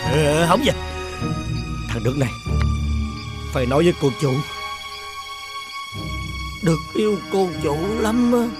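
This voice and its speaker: A man's voice: a little high, sing-song, measured pace, long pauses. A man playing a lovesick young male servant who pleads his love earnestly, over background music.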